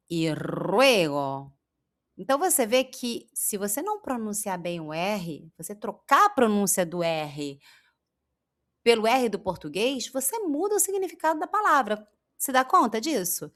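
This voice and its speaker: A woman with a Brazilian accent teaching pronunciation, drawing out and repeating example words slowly. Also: medium pitch, a bit bright. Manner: slow, drawn-out demonstrations of sounds. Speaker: Spanish teacher. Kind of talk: pronunciation lesson.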